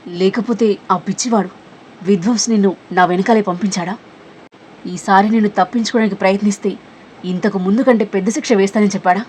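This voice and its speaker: A woman's voice: medium pitch, fairly even intonation, brisk, a little mellow, a little hiss or hum, natural voice. A woman voicing a defiant, suspicious young woman in a spoken romance story, firing off demanding questions.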